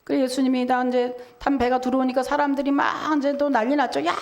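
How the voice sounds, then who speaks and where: A woman's voice: high-pitched, flat delivery, fast talker, a little mellow, lo-fi sound. A middle-aged woman pastor preaching a sermon, telling a story vividly and asking the congregation rhetorical questions.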